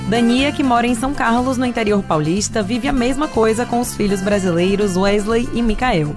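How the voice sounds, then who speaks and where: A woman narrating a news report with measured, clear delivery. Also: a little high, loud music behind the voice.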